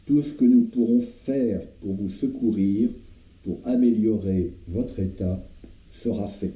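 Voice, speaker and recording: A man reading a calm, reassuring young doctor. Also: on the low side, measured pace, close to an everyday voice. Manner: soothing, solemn, courteous. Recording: roomy, dull lo-fi recording.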